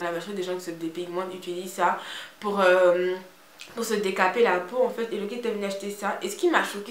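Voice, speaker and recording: A young woman from Côte d'Ivoire speaking with an Ivorian French accent, chatting frankly and animatedly to viewers in a beauty vlog. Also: mid-range voice. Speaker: beauty vlogger. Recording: roomy echo with faint hiss.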